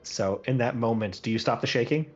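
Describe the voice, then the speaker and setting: A man narrating a tabletop game as game master, relaxed and thinking aloud as he goes. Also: medium pitch, fairly quick, slight background noise. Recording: muffled, lo-fi recording.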